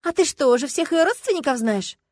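In an audiobook, a woman reads as a jealous, sharp-tongued wife, snapping in a high, lively voice. Dry, close sound. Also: brisk, dry recording. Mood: jealous, snappy. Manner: snappy, scornful. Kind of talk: audiobook character reading.

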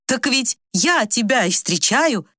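A woman voicing an old man over seventy who is timid and eager, pleading in a warm, slightly raised voice. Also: on the high side, animated, slow, no echo, clean studio sound, voice pushed up, exaggerated voice.

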